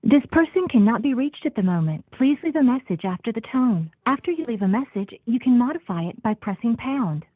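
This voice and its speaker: A woman's voice: fairly high pitch, slightly rough, dry recording. Automated woman's voicemail greeting over a phone line. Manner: calm, measured recorded announcement. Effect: heard over a phone line. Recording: tinny phone line with dial tones.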